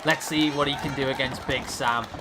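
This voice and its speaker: A man calling wrestling moves in steady play-by-play commentary. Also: medium pitch, moderate pace. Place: wrestling event with live crowd. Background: crowd noise.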